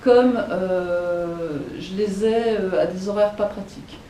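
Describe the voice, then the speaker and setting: A woman teacher giving a conference talk, speaking haltingly with many fillers and restarts. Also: mellow. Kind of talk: lecture. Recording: echoey room, faint rumble.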